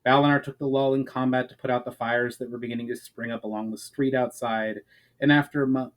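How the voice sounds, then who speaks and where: Quick and fairly even in intonation, a medium-pitched man performs a dramatic, audiobook-style narration of a fantasy chapter he wrote. Each phrase starts with emphasis and drops away at the end, and he stumbles once in a while.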